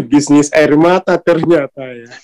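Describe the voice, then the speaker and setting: Speaking slowly at medium pitch over a noisy background, a chatty speaker on a spiritual talk channel discusses the soul in a casual, informal way. Colloquial phrasing with many sentence-final tag words is interrupted by frequent short laughs between points.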